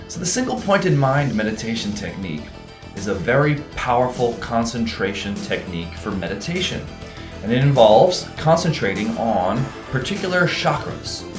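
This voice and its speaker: A middle-aged man teaching meditation in a relaxed, conversational way, often asking rhetorical questions. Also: mid-range voice, normal speed, over music. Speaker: meditation teacher and group admin. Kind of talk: casual livestream meditation talk.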